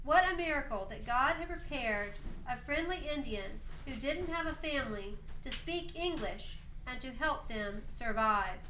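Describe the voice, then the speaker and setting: This woman's high-sitting voice has lively intonation and a sharp tone; she reads a little slowly with few pauses. Narrating a homemade family play, she prompts others on the spot to repeat lines, coaching as she goes. It's a roomy, noisy amateur home recording.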